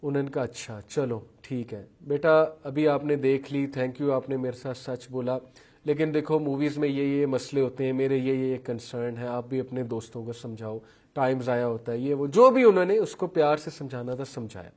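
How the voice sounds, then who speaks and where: A man's voice: mid-range voice, a little mellow. Man lecturing on parenting, mixing English terms. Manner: mixes English terms into Urdu, lists traits one by one; acts out parents' and children's words while telling examples. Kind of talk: explanatory talk on parenting styles.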